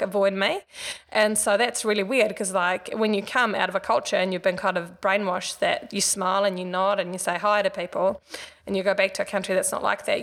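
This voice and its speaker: Gravelly and fairly bright, with a medium pitch, this Swedish-accented woman from Sweden is a middle-aged founder being interviewed. She answers in a relaxed, chatty manner filled with "like" and "you know."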